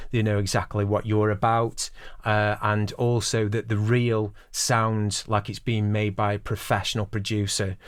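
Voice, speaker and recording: Speaking to camera, a voice-over producer in his forties explains things plainly to the listener as he offers instruction. He has a lowish, smooth voice, captured in clean studio audio without echo.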